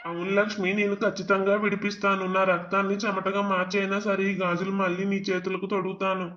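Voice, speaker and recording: A man's voice: high voice, completely flat delivery, quick pace, fairly bright tone, lo-fi sound. A man voicing a humble, desperate young husband in a cartoon, polite and pleading. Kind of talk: animated cartoon voice acting.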